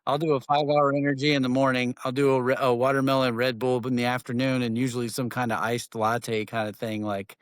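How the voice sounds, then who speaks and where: A man's voice: medium pitch, flat delivery, a little fast, hardly any pauses, clear, resonant tone, no room sound. Male co-host, easygoing interjector, dry close audio. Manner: casual, enthusiastic, chimes in. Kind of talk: casual podcast chat.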